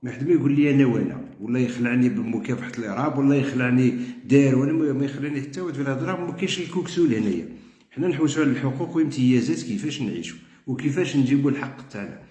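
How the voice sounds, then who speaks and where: A man's voice: mid-range voice, racing, warm tone. A middle-aged man with an Algerian Arabic accent, a veterans' group coordinator, making a heated, repetitive appeal to his members. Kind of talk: impassioned spoken appeal. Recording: roomy echo.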